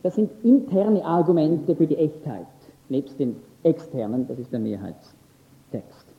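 A man teaching a lecture on scripture, earnest and emphatic, pausing now and then with fillers. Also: on the high side, creaky. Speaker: Bible teacher. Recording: echoey, phone-like lo-fi recording.

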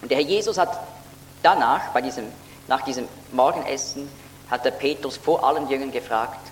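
A man's voice: medium pitch, normal speed. A man giving an earnest, explanatory Bible teaching sermon, lifting his voice to stress key words. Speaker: preacher. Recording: echoey hall with faint hum.

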